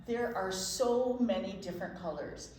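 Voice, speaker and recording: An American woman with a medium-pitched, somewhat dark voice reads a picture book aloud to young children at a moderate pace, asking them simple questions and adding chatty asides. She is a storytime teacher indoors at a library, and the room is echoey with faint background noise.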